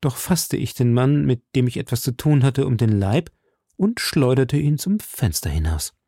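A proud, composed musketeer, read by a man in a storybook reading, formal and dignified even when he admits a brawl. The voice has a gravelly grain and a dry, close sound. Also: medium pitch, normal speed, no room sound. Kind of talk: audiobook reading.

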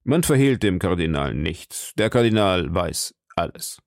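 A cold, powerful cardinal questions a prisoner slowly and quietly, as a man puts him on. His voice sits low and controlled. The sound is dry and close. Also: big pitch swings, no room sound, exaggerated voice. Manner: slow, low, measured. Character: cold, commanding older cardinal.

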